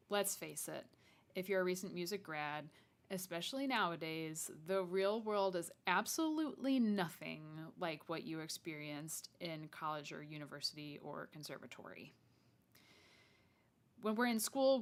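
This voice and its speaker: A woman's voice: on the low side, clear, resonant tone. A young adult woman hosting a podcast solo, talking casually and chattily, straight to the listener. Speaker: podcast host. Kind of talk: conversational solo podcast monologue.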